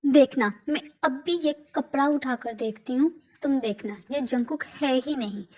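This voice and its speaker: A woman's voice: high-pitched, a little slow, dark tone. A woman voicing a frantic young wife in denial over her husband's death, sobbing, stammering and pleading.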